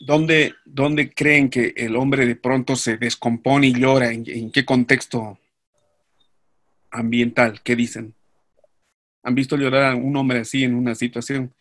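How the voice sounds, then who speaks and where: A man's voice: mid-range voice, little pitch movement, a little slow, fairly bright tone. A man teaching an online class, explaining at length and putting questions to his students.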